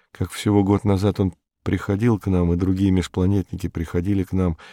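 A man narrating a literary audiobook in a measured, calm way. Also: on the low side, no echo, studio quality. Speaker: audiobook reader.

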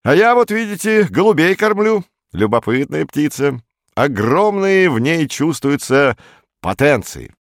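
A man voicing a sporty young male director with a clear, ringing voice and an effusive, sing-song manner in an audiobook. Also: a little high, big pitch swings, measured pace, no echo, studio quality, voice pushed up.

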